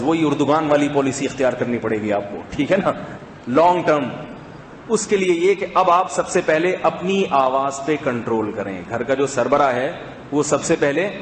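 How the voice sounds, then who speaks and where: A man delivering a conversational sermon in a mosque, asking rhetorical questions and swinging between loud stress and hushed asides. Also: on the high side. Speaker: preacher. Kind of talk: sermon in Urdu. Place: mosque hall. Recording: echoey mosque hall, faint noise.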